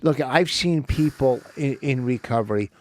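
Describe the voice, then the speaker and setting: A man's voice: mid-range voice, normal speed, dry recording. A man speaking as a guest in casual talk-show chat, profane, blunt and emphatic.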